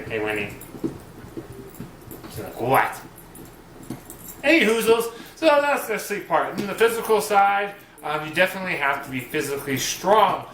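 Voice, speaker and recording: A man giving casual advice to viewers in a rambling, joking, conversational way. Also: medium pitch. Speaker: vlogger giving boot camp advice. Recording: roomy echo, faint hiss.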